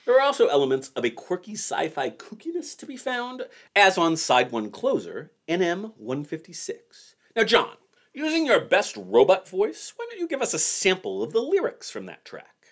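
A man's voice: high-pitched, wildly swooping pitch, moderate pace. A man in his forties hosting a podcast, telling a band's history in a wry, joking way. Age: 40s. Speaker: podcast host. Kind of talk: casual podcast chat.

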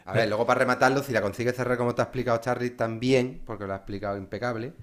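A man's voice: medium pitch, steady tone, very fast. A man co-hosting a cycling podcast, teasing a co-host in a mocking tone. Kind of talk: casual chat.

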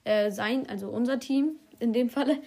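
A young woman co-hosting a casual gaming podcast, giving excited play-by-play and quick reactions. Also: on the high side. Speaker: podcast co-host.

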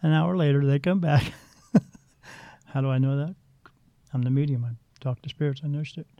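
A man's voice: fairly high pitch, moderate pace, dry recording. A man working as a psychic medium, telling stories in a blunt, rambling way with frequent restarts during an interview. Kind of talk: casual storytelling interview. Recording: dull lo-fi dry sound.

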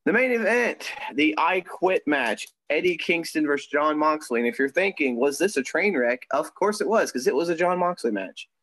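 A man's voice: on the high side, lively intonation, moderate pace, hardly any pauses, a bit bright, no room sound, poor audio. A young man co-hosting a podcast in casual chat, talking easily with frequent ums and laughs. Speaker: podcast co-host. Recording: dry close sound.

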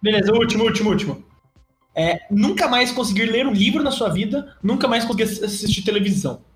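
A man with a Brazilian Portuguese accent hosts a loose podcast chat, putting dilemmas to his friends. His voice sits high for a man. The room is audibly echoey. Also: lively intonation, quick pace, faint music behind. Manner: reads out would-you-rather choices, laughs easily. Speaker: podcast host. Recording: roomy echo.

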